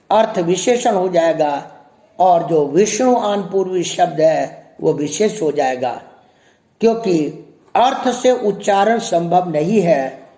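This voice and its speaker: A man, a grammar professor, giving a measured recorded lecture and reciting rules slowly. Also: high-pitched, warm tone. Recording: echoey room.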